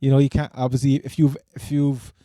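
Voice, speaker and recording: Male sports co-host, Cork Irish accent, dark relaxed tone, dry close sound, halting and repetitive, casual chat. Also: mid-range voice, no echo. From Cork, Ireland. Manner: rambling, stammering, repeats phrases. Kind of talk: casual American football chat.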